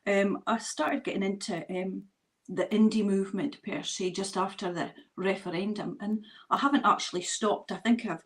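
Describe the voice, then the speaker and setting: A woman with a Highland Scottish accent chatting casually as an interview guest, in a jokey, self-deprecating way. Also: steady tone, moderate pace. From Scottish Highlands and east coast of Scotland. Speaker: guest, event organiser.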